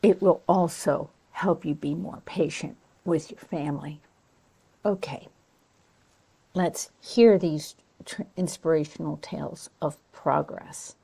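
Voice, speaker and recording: A woman teaching an online pronunciation lesson as an accent coach, in a slow, deliberate, encouraging way. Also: low-pitched, creaky, warm tone, husky, no echo.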